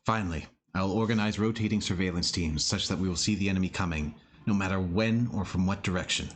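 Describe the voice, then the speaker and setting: Man voicing a low, raspy young village leader. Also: fast, lightly acted. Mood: reflective. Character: young man, teasing raspy-voiced village leader and doting father figure. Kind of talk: visual novel character acting.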